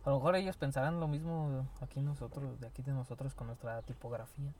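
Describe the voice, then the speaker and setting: A man's voice: medium pitch, steady tone, fast, darkish tone, a little hiss or hum. A man with a Mexican Spanish accent, co-hosting a casual podcast in a slangy, laughing, loose way. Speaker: podcast co-host. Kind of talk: casual chat.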